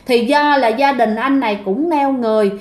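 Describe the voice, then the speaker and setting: A woman's voice: a little high, moderate pace, a little mellow. A woman narrating a ghost story in a chatty way, often speaking directly to her listeners. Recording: echoey room.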